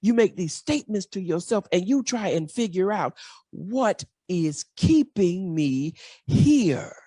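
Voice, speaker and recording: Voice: mid-range voice, big pitch swings, slow pace, warm tone, dry recording, studio quality. A pastor preaching a sermon, building emphasis through rhetorical questions and repeated phrases. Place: church.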